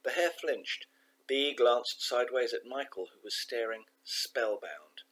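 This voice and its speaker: A man reading a children's novel aloud, measured and expressive, slowing down for emphasis. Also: medium pitch, poor audio. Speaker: audiobook narrator. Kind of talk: scripted narration of a children's novel.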